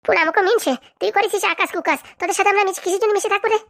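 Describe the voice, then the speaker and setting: A woman's voice: very high-pitched, rapid-fire, fairly bright tone. A woman voicing a quarrelsome village wife in a comedy cartoon, scolding and insulting.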